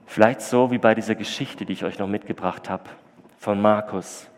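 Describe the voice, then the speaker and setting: A man preaching a sermon in a conversational, earnest way, moving between emphatic and soft passages. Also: on the low side, fairly even intonation, moderate pace, in a large hall. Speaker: pastor. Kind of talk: sermon with storytelling. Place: church.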